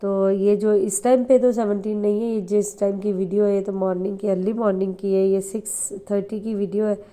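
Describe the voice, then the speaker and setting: A woman vlogger from Pakistan talks fast and chattily straight to her viewers. Her voice is very dark and mellow and a little hoarse from flu. She speaks in a flat, level tone, full of fillers. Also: medium pitch. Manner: rapid, chatty, many fillers. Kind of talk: casual vlog talk to viewers.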